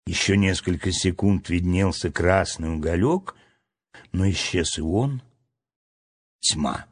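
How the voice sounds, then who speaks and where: Husky, expressive male storybook narrator. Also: deep voice, slow pace. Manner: expressive, dramatic reading.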